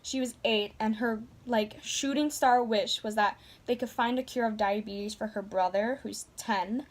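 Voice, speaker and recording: Her voice is a little high, with fairly even intonation and a measured pace. Talking to camera as a vlogger, she tells a story in a gushing, casual style, saying "like" constantly.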